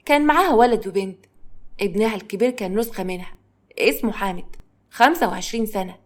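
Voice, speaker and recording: A woman storyteller with an Egyptian accent, narrating a scripted tale. She reads briskly at a middle pitch, keeping the drama moving. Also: expressive. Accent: Egyptian Arabic.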